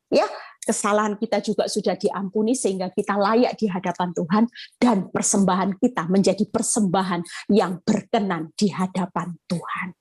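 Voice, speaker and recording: Husky woman preacher, lively sermon on a video call, keeps calling out to listeners. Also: mid-range voice. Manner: animated, addresses listeners directly, acts out quoted prayers. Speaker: evangelist preacher.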